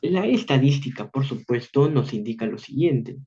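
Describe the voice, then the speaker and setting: A man with a Peruvian Spanish accent giving an online university literature lecture, measured and repeating phrases as he explains. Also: medium pitch, animated, dark tone, slightly rough. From Peru. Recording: dull lo-fi online class audio.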